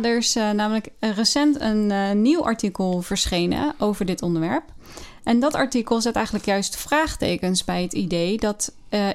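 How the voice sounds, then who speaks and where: A woman explaining a research study in a casual conversation, often pausing with fillers and restarting her sentences. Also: a little high. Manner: hesitant, many fillers and restarts. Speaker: co-host discussing a research article.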